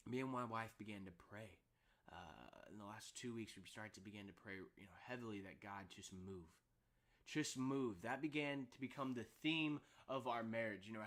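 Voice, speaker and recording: A young man sharing a personal faith testimony in a vlog, earnest and halting, with many fillers and restarts. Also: mid-range voice, fairly bright tone. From Houston area, United States. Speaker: vlogger.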